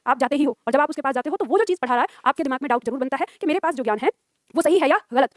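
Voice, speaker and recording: A woman's voice: sits high, no echo, clean studio sound. A woman teacher giving a lecture to students, explaining with examples and repeating lines for them to write down. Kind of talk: classroom lecture.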